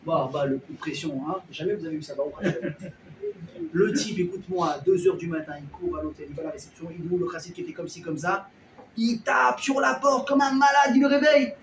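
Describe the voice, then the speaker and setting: A man's voice: a little high, fast, background noise. A man, a rabbi, telling a story as a sermon in casual slang, acting out the people in it. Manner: lively storyteller acting out characters, colloquial. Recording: echoey room, voice a bit far from the mic.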